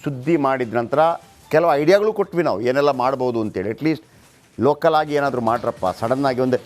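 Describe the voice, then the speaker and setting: A man with a Kannada accent presenting the news in an animated, emphatic and sarcastic way. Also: medium pitch, a little fast, soft background music. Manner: emphatic, sarcastic, mimics officials. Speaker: news anchor.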